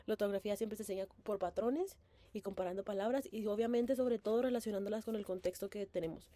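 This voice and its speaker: A woman's voice: mid-range voice, fast talker, mellow. Hesitant young woman. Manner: hesitant, many fillers and self-corrections; often tags phrases with a questioning "right?". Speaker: bilingual education student presenting. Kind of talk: class presentation recap.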